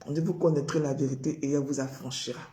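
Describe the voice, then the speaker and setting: A man speaks in a preaching style, his voice pitched a little high yet mellow in tone. He drives his points home by repeating words again and again. The sound carries an echoey room around it. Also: steady tone, quick pace. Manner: repetitive, emphatic phrasing.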